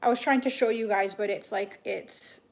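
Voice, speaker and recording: A young woman on a livestream chats loosely with viewers, nasal from a stuffed-up nose and rambling with many restarts and fillers. She has a medium pitch and moderate pace; the room echoes and background noise is clear.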